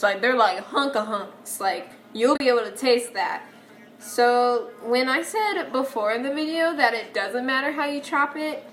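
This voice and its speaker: A woman's voice: high-pitched, a bit bright, a little hiss or hum. A young woman vlogging in her home kitchen, chatty and self-mocking, talking straight to her viewers as she cooks. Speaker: cooking vlogger. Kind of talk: casual cooking vlog.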